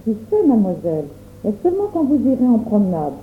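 A woman's voice: fairly high pitch, wildly swooping pitch, quick pace, slight background noise. A woman voicing a courteous, formal chambermaid in a storybook reading. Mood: polite. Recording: tinny phone-like audio.

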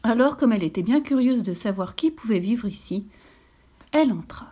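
A woman's voice: on the high side, animated, moderate pace, dark tone, breathy edge. A woman narrating a children's storybook expressively, sometimes dropping to a whisper.

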